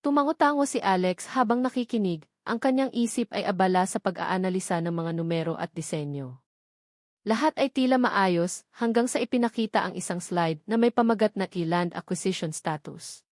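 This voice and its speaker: Here a Filipino woman tells a dramatic, scripted tale at a moderate pace, sounding expressive and a little mellow. Her pitch is middling for a woman, and the audio is dry and close-miked, with barely any room.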